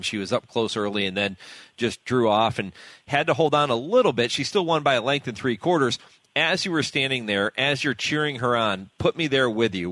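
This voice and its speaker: A man hosting a radio interview, steady and informative. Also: mid-range voice, no room sound.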